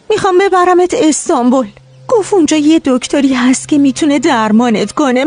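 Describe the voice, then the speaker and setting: A desperate, pleading young woman. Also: very high-pitched. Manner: pleading, distraught.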